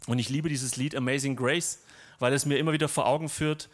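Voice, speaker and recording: A man's voice: mid-range voice, fairly even intonation, a little fast. A man preaching a sermon in a conversational, personal and lightly humorous way.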